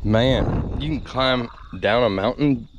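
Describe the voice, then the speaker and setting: A man's voice: medium pitch, slow, background noise. A man vlogging on an outdoor hike, teasing and joking with his partner. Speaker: travel vlogger. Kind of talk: casual chat. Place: outdoors on a hiking trail.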